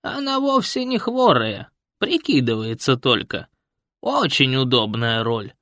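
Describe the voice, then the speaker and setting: A man voicing a grumpy, shrewd old village man with a creaky, gruff voice in an audiobook. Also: mid-range voice, sing-song, measured pace, sharp tone, dry recording, studio quality. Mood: storytelling. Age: older. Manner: folksy, blunt storytelling. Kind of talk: audiobook character voice.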